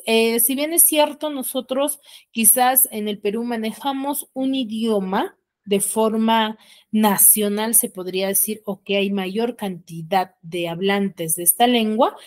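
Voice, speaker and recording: A woman teacher with a Peruvian Spanish accent, giving an online school lesson in an explanatory way and often ending phrases with tag questions, recorded on a computer mic. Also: medium pitch. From Peru. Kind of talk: online class lecture.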